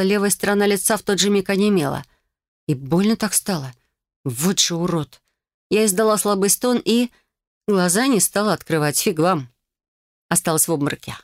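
A woman's voice: medium pitch, no echo, studio quality. A woman narrating a first-person fantasy audiobook in a wry, sarcastic tone. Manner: wry, sarcastic inner monologue.

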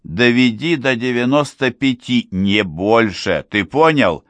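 A man's voice: mid-range voice, unhurried, no echo, voice pushed up, close to an everyday voice. Man as a barking tough rescuer. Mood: commanding. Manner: angry commanding shouts. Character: tough male mine rescuer barking orders.

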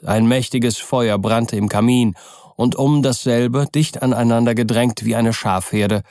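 A man with a mid-range voice narrates an audiobook from a script, keeping a measured, even storytelling manner. The studio-quality recording has no echo.

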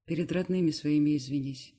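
A man's voice: on the high side, fairly quick, mellow, close to an everyday voice. A man voicing a hot-tempered male head of security in an audiobook. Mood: flat, cold. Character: hot-tempered male bodyguard chief, stern. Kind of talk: audiobook character voice.

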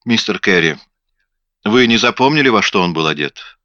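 A man reading an audiobook, voicing a brisk, authoritative male investigator questioning witnesses. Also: on the low side, expressive, sharp tone, dry recording, lo-fi sound.

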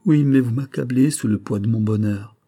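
A man's voice: medium pitch, normal speed, warm tone, lightly acted. A man doing an anguished, imploring nobleman. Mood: overwhelmed. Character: anguished nobleman, a proud minister. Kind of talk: audiobook reading of a classic novel.

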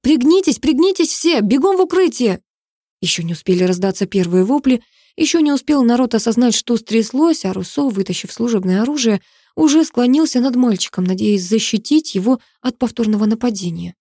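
A woman reads a crime novel aloud in a steady, dramatic storytelling manner. Her voice is mellow and warm. The recording is close and dry, with no room sound. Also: a little high, a little fast, husky, no room sound. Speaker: audiobook narrator. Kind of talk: scripted narration.

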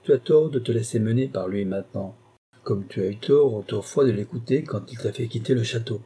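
A man's voice: on the low side, fairly quick, warm tone, breathy edge. A man reading an audiobook who voices an irascible, pompous older uncle in an overbearing, indignant manner. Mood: scornful.

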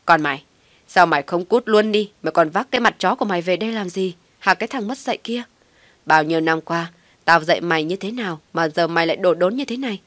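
A woman voicing a furious elderly father who shouts harsh insults at his son in a storybook reading. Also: fairly low pitch, fast, no room sound, lightly acted. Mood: angry scolding.

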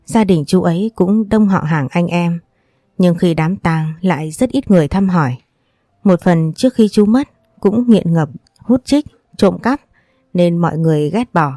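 A woman narrating a first-person audiobook story in a steady, sorrowful reading voice. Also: fairly low pitch, moderate pace, dry recording, clean studio sound.

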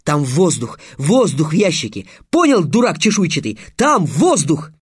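A man doing an excitable young boy. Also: moderate pace, husky, no room sound, studio quality, heavily acted. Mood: excited. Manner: high, agitated and excited. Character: excitable clever young boy wizard apprentice.

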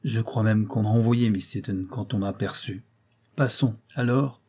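A man's voice: fairly low pitch, fairly even intonation, moderate pace, warm tone, breathy edge. A man reading an audiobook voicing a loyal male informant who reports eagerly and confidingly to his chief. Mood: reporting.

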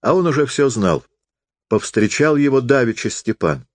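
A man calmly reading a classic story aloud, with measured storytelling. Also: medium pitch, dry recording, clean studio sound. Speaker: narrator. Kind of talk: literary audiobook reading.

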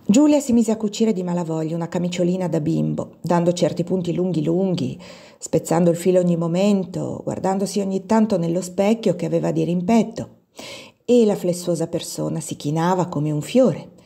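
A woman narrating a classic novel aloud in a measured, expressive reading. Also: fairly low pitch, creaky, slightly rough. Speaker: audiobook reader. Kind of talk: literary narration.

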